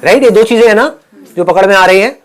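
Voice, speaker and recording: Guy doing a motivational talk for students, lively, keeps throwing questions at the crowd, kinda playful. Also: high voice, quick pace. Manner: animated, playful, asks the audience questions. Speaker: motivational speaker. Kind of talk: live motivational session with students.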